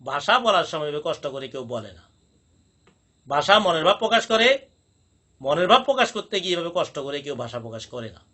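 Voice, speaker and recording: A man teaching Quran pronunciation in a recorded lesson, drilling each sound slowly with repetition. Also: on the high side, bright, forceful tone.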